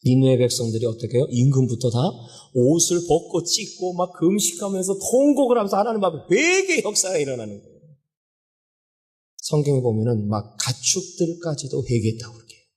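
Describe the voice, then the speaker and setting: A male pastor preaching a sermon, telling the story in a lively way, often asking the congregation questions and acting out what people said. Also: on the high side, brisk, slightly rough.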